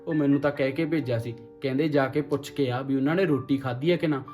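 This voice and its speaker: A man's voice: medium pitch, fast, a little mellow, close to an everyday voice. A man playing a cheeky younger brother who teases his elder brother and sister-in-law, heard from a distance in a roomy room with music. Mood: teasing. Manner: teasing, cheeky. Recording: roomy film audio, distant mic, music.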